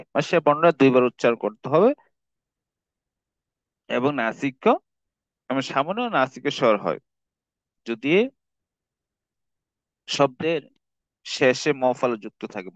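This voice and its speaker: A man tutoring a grammar lesson, reading rules aloud and slowly repeating each example word. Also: medium pitch, dry recording, lo-fi sound. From Bangladesh.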